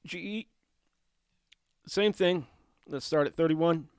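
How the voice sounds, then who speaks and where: A man's voice: on the high side, takes it slowly, darkish tone, clear, resonant tone, dry recording. A man hosting a guitar lesson, talking casually and thinking aloud as he adjusts settings, joking at his own playing. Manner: self-deprecating, thinks aloud while tweaking settings. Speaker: guitar tutorial host. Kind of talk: casual hands-on demo talk.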